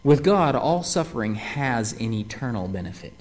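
A man with a mid-range voice preaches a sermon at a moderate pace. He is animated and likes to pose rhetorical questions to his listeners.

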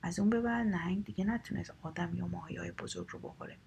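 Soft-spoken woman telling a children's tale. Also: lowish voice, vocal fry, dull audio, a little hiss or hum. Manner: soft, half-whispered storytelling voice. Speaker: storyteller. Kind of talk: children's story narration.

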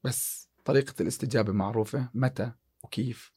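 This man's medium-pitched voice has a dark, slightly rough tone and moves fairly quickly. He's a chemistry teacher appearing as a guest on a casual podcast about success and faith, making many restarts as he quotes scripture.

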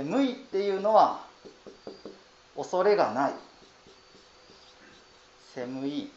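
A man in his thirties with a Kansai accent, a Buddhist priest giving a gentle, storytelling dharma talk with many fillers. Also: a little high. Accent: Kansai Japanese. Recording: roomy, slightly dull audio.

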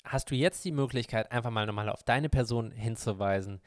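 A man hosting a podcast in casual interview chat, lively and joking, acting out the people he quotes. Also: mid-range voice, brisk, no room sound, clean studio sound. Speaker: podcast host.

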